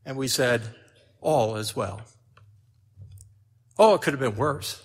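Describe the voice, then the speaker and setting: An older man preaching a sermon, telling a personal story with lively swings in loudness. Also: mid-range voice, slow, breathy edge.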